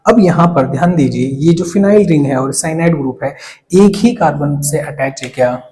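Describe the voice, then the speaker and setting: Young guy teaching chem, kinda high voice but soft and mellow, keeps asking got it? and joking around. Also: normal speed, low-quality recording. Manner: asks questions to the class and answers them, with playful asides. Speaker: chemistry teacher. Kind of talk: whiteboard lecture.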